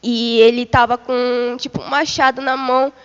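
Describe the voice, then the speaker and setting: A woman's voice: sits high, fairly even intonation, normal speed, a bit bright, clear, resonant tone, highs cut off. Woman giving testimony in a reverberant hall. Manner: repetitive storytelling, addresses listeners as beloved. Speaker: church member giving testimony. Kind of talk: religious testimony of a vision.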